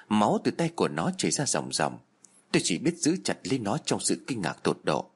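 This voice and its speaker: A man narrating a horror story aloud, with expressive, varied delivery. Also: on the low side, husky. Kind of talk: dramatic horror story reading. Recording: soft music underneath.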